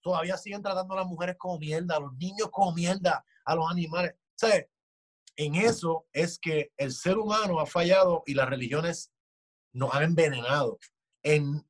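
A man in casual chat, arguing passionately, swearing often and acting out quoted voices. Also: a little high.

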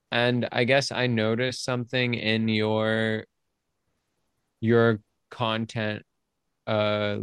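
A man's voice: on the low side, vocal fry, a bit bright, smooth, no room sound. A man hosting a podcast in casual chat, playful and rambling, often restarting his sentences. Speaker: podcast host.

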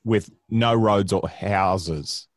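Low aussie bloke w queensland accent, rambling dry jokey chat, no room echo. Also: drawn-out words. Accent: Queensland Australian. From Queensland, Australia. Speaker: guest. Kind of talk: casual joking chat.

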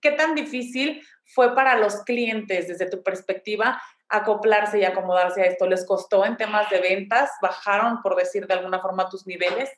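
A woman's voice: mid-range voice, moderate pace, slight background noise. This is a woman, hosting a podcast interview and asking friendly, curious questions. Her voice sits in a noticeably roomy, echoey space. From Mexico. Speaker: podcast host. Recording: roomy echo.

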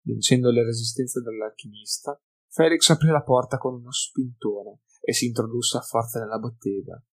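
A male narrator reading a fantasy novel aloud with a mid-pitched voice. His telling is expressive and dramatic, rising and falling with the action. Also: normal speed. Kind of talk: audiobook reading.

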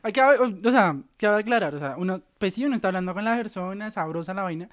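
A woman co-hosting a podcast, chatting casually in slangy, animated speech and laughing often. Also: medium pitch, quick pace. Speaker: podcast co-host. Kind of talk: casual chat.

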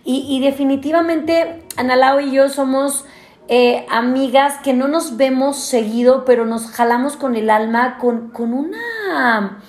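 Mexican lady hosting a live chat, effusive, laughs a lot, kinda high voice. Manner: effusive, gushing, quick to laugh. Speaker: host. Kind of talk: live online chat show.

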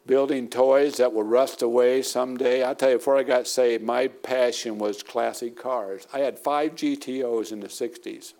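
A man's voice: medium pitch, steady tone, moderate pace, hardly any pauses, a little mellow. A middle-aged man preaching a sermon as pastor, emphatic and repeating his points for weight.

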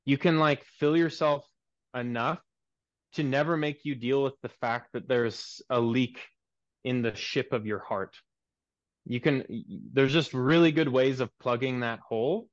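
A man's voice: medium pitch, measured pace, dry recording. A man in his twenties, a pastor guest on a podcast, speaking in an earnest, preacherly way over a remote call. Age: 20s. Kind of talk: podcast interview. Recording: dull, dry lo-fi sound.

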